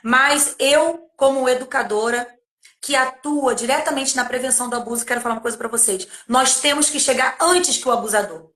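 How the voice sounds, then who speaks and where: A woman's voice: sits high, a little fast, fairly bright tone, echoey room. A Brazilian woman, an educator in child abuse prevention, telling stories in an emphatic casual chat and acting out the dialogue. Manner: emphatic, acts out dialogue in quotes. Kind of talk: casual live chat storytelling.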